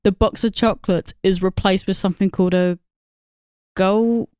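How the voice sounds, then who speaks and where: A woman's voice: mid-range voice, fairly even intonation, moderate pace, a little mellow, clear, resonant tone, dry recording, clean studio sound. A woman, co-hosting a podcast and rambling about a film with lots of swearing, fillers and laughter. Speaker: podcast co-host. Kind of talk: casual film review chat.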